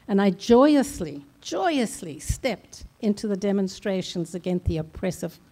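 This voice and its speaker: Slow solemn older woman from South Africa. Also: medium pitch, big pitch swings, mellow. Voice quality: measured, solemn pauses. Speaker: conference speaker. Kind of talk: slow, deliberate personal speech. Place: large conference hall.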